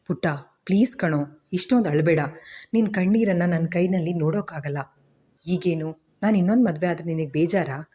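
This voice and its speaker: A woman's voice: fairly low pitch, brisk, warm tone, slightly rough. A woman reading the part of a loving, troubled young husband in an audio story, earnest and pleading. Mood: tender.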